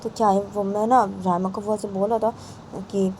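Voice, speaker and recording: A woman's voice: mid-range voice, fairly even intonation, normal speed, background noise, pitched above the performer's own voice, natural voice. A woman voicing an affectionate young woman who pleads and wheedles with her aunt. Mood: pleading.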